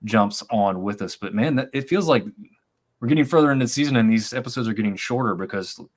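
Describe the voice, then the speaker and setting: A man co-hosting a live-streamed college football talk show, talking in an animated, rambling way with many restarts over a remote call setup. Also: medium pitch, quick pace. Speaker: sports podcast co-host. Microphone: remote video-call stream.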